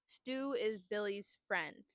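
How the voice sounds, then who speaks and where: A woman's voice: mid-range voice, slow pace, a bit bright. Young woman rambling through a movie plot. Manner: chatty, rambling, lots of "um" and "like". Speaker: podcast co-host. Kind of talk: casual chat, retelling a movie plot. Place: outdoors at a picnic.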